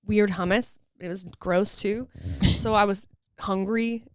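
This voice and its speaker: A woman's voice: mid-range voice, fairly even intonation, measured pace, slight background noise. A woman podcast co-host telling personal stories in casual, informal chat, with a slight lisp from wearing retainers.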